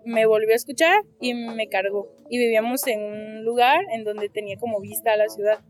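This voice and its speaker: A young woman with a Mexican accent, a guest telling a family story in casual conversation, acting out quoted voices with big pitch jumps. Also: steady tone, brisk, soft background music. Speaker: guest interviewee. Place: outdoors on a street.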